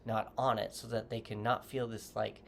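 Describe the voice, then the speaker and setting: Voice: medium pitch, little pitch movement, moderate pace, vocal fry, a little hiss or hum. A tarot reader giving a casual reading to camera, loose and rambling, often correcting themself while advising the viewer directly. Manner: gently advising, speaking straight to the viewer.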